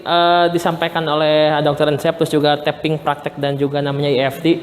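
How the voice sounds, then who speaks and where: A man's voice: a little high, little pitch movement, a little fast. A man facilitating a workshop, explaining a technique in a loose, restarting way. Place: hall. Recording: echoey hall with faint background noise.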